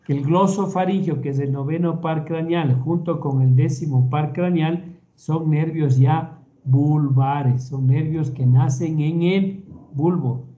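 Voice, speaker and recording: A man's voice: fairly high pitch, steady tone, dark tone, lo-fi sound. Ecuadorian man giving a medical lecture. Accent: Ecuadorian Spanish. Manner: measured, explanatory, repeats words while thinking. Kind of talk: recorded university lecture.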